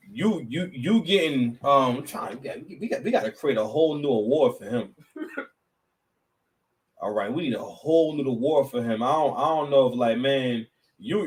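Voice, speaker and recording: A man hosting a podcast, reacting to clips in a rambling, mocking, animated way. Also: mid-range voice, far from the mic, low-quality recording. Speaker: podcast host. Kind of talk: casual reaction commentary.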